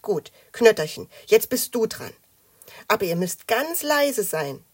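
A woman voicing an eager young boy in a children's audiobook, urgent and excited. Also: mid-range voice, unhurried, husky, voice pushed up.

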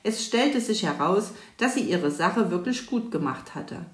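A woman narrating a children's story calmly and evenly. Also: medium pitch, a little slow. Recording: roomy echo.

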